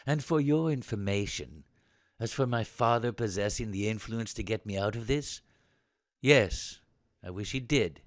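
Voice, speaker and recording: In an audio drama, a male actor plays a posh, haughty young British soldier with an upper-class English accent, talking in a clipped, sarcastic way with a bitter mood. His voice sits on the low side, animated but unhurried. The studio-quality recording has no echo.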